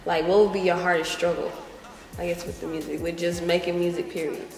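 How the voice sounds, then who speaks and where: A young woman hosting an interview, asking questions in a friendly, relaxed way with casual fillers. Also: on the low side, brisk, creaky. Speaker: interview host. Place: lounge with large windows, indoors. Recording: echoey room with music behind.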